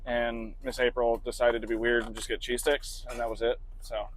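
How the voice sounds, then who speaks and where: A man's voice: mid-range voice, flat delivery, normal speed, slight background noise. A truck driver talking casually to his camera while he works, in a laid-back, chatty way with casual swearing. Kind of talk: casual vlog narration.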